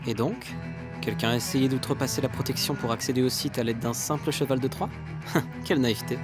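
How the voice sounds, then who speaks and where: A man playing a shrewd, cool-headed gifted youngster in a cartoon, measured and articulate. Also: medium pitch, music in the background, natural voice. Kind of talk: animated cartoon dialogue.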